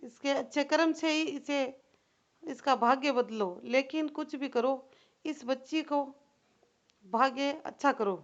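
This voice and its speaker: A woman's voice: high voice, measured pace. A woman playing an earnest, pleading goddess. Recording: dull lo-fi recording.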